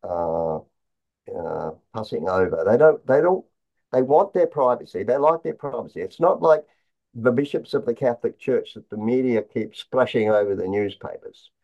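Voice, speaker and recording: A man explaining conspiracy theories as an interview guest, in a halting way, often repeating words and restarting his phrases. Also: mid-range voice, lively intonation, creaky. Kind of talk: conspiracy talk, explaining slides. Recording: dull, lo-fi sound.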